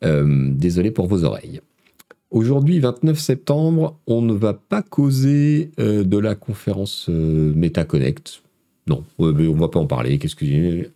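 A man's voice: sits low, lively intonation, a little slow, warm tone. A man with a cold and a blocked nose hosts a live tech news show in French, talking casually with many hesitations. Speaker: host.

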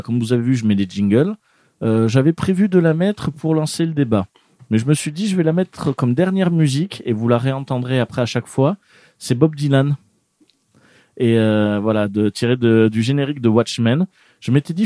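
A man's voice: on the high side, warm tone, no echo. A man hosting a casual radio show in a studio, chatting loosely with lots of fillers and restarts.

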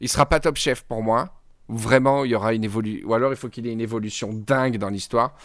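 A man's voice: mid-range voice, steady tone, fast, a bit bright, dry recording. Chatty opinionated man in a dry room. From France. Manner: chatty, opinionated, laughing asides. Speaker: podcast host. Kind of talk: casual chat recap.

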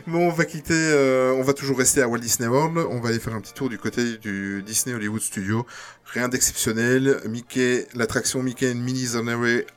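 A man hosting a casual podcast chat, presenting news items to his listeners in a relaxed way. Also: mid-range voice, fairly quick. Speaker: podcast host.

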